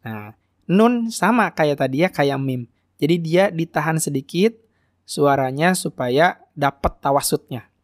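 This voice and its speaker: A man teaching Quran recitation rules, patiently modelling each sound slowly and correcting common mistakes. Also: fairly high pitch, animated, no echo, studio quality. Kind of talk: tajwid lesson, explaining and modelling recitation.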